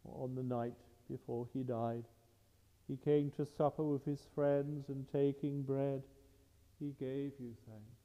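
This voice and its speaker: Male priest, slow and solemn, in a dull recording with a long cathedral echo and faint music behind. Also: mid-range voice, flat delivery. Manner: slow, measured, solemn recitation. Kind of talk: liturgical prayer at Mass. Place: large church. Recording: dull lo-fi recording in a reverberant church.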